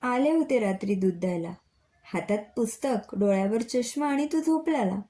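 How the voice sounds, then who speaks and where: A woman voicing a fussing middle-aged mother who gently scolds and teases her children in a story reading. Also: a little high, animated, normal speed, lightly acted. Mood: teasing.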